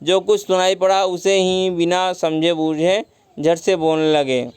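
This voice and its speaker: A man's voice: high voice, fairly even intonation, a little slow, a little mellow, clean tone, no echo. A man teaching a story lesson, retelling each line and glossing words with simple synonyms, mixing in English words. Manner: mixes English words into the explanation.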